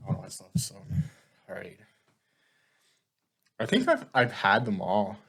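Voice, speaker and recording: A man's voice: on the low side, wildly swooping pitch, gravelly, fairly bright tone, husky. A man co-hosting a casual podcast chat, rambling with lots of fillers and firing off questions. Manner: rambling, filler-heavy, giggly; rapid-fire questioning. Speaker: podcast co-host.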